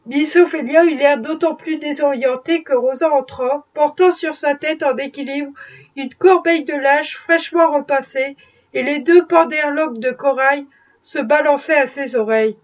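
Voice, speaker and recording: A woman reading a classic novel aloud in a measured, expressive way. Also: sits high. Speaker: audiobook reader. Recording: dull distant recording.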